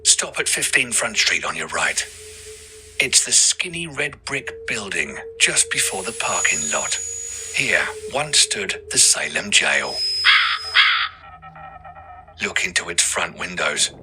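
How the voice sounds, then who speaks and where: A man's voice: low voice, big pitch swings, slow, pauses often, noisy background. A man narrating a scripted audio ghost tour as the guide, with theatrical, ominous storytelling over music.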